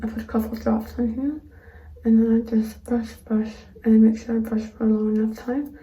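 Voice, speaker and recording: Female vlogger, casual and halting, slightly high but monotone, recorded in an echoey room. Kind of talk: casual vlog to camera, explaining a routine. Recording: roomy echo, distant microphone.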